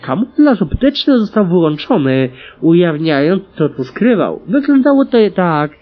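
A man narrates a storybook audiobook with a lively, dramatic delivery. His voice is husky and sits on the high side, swinging widely in pitch. The recording sounds dull and lo-fi. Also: moderate pace. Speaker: audiobook reader.

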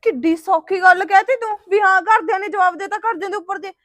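An actress playing a pressured young village woman in a short film, gentle with family and shrill in a quarrel. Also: steady tone, a little fast, lightly acted. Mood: furious. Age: young adult. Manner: soft-spoken with family, shrill and shouting in a quarrel.

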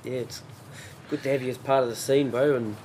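A man's voice: medium pitch, fairly even intonation, brisk, darkish tone, a little hiss or hum. Matey man. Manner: slangy, encouraging, matey. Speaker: interviewer. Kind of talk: casual chat.

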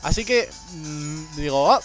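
A man giving casual, joking commentary on a game, excitable and prone to sudden shouts. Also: mid-range voice, brisk, soft background music. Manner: excitable, joking, bursts into shouts and silly voices. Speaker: gameplay commentator.

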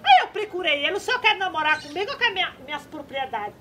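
A woman's voice: very high voice, big pitch swings, fast talker, noisy background. A woman playing a flustered elderly countrywoman granny with rustic, fussy speech in a comedy sketch. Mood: gossiping.

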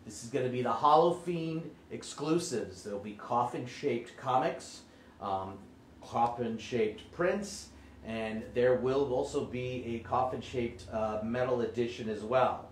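An upbeat man chats to his viewers as he shows off merchandise, his voice sitting at an ordinary middle pitch. His words bounce around a roomy, echoey space, with a faint hum of ambience beneath them, and he has the hiccups. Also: unhurried. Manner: upbeat, chatty, with frequent ums and hype. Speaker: host of a live shopping stream. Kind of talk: casual chat to viewers.

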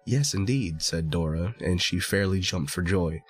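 A man reading a classic holiday storybook aloud in a measured storytelling manner. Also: low-pitched, fairly even intonation, faint music behind. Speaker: podcast host reading a story. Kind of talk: storybook narration.

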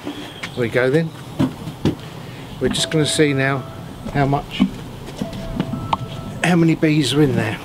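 A middle-aged beekeeper with a mid-range voice talks slowly and pauses often, casually explaining his hands-on work as he demonstrates it. He's outdoors in a wooded apiary, and the clear recording picks up buzzing bees and birdsong.

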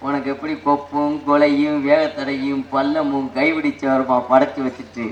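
A man's voice: mid-range voice, level tone, normal speed, muffled recording, lightly acted. A man playing a bawdy comic village woman in a live folk stage comedy, bantering cheekily. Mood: teasing. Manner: cheeky banter, mock-crooning of song lines. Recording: echoey live stage mic.

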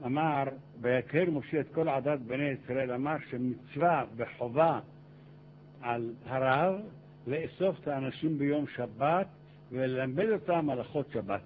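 An older man, a rabbi, giving a Torah lecture, telling stories and acting out the dialogue in a raised voice. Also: medium pitch. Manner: animated, acts out dialogue in raised voice. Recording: tinny phone-like archive recording with hiss.

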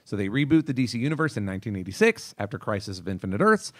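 A man's voice: fairly low pitch, sing-song, very fast, no echo, studio quality. A man co-hosting a podcast, explaining things emphatically in casual chat. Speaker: podcast co-host.

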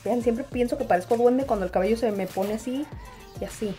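A woman's voice: on the high side, brisk, mellow, faint music behind. Chatty young woman vlogging on the go. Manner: chatty, mixes Spanish with English words. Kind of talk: casual vlog chat. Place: Tucson, Arizona.

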